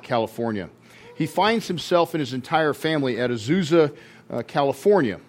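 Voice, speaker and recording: Man, pastor, earnest sermon delivery, repeats words, middle pitch. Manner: earnest preaching with frequent repetitions and restarts.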